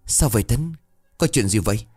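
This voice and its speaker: A man's voice: fairly low pitch, expressive, moderate pace, darkish tone, slightly rough, dry recording, faint music behind, pitched above the performer's own voice. A man voicing a doubtful male relative who questions sharply in a ghost story. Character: suspicious male relative, gruff.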